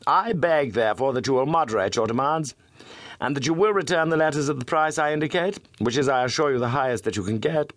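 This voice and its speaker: A man doing a crisp, commanding Victorian detective. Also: medium pitch, fast, no room sound, voice pushed up, lightly acted. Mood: firm. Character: sharp, proud Victorian male detective, middle-aged.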